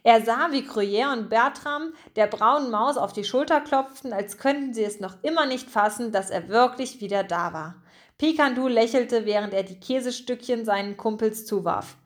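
A woman narrating a children's storybook chapter in a clear, even reading voice. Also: on the high side, normal speed. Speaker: audiobook narrator.

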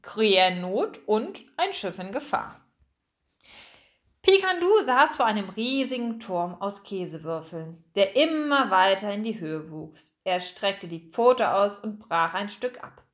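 A woman narrating a children's audiobook, expressive and slowing down for suspense. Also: mid-range voice.

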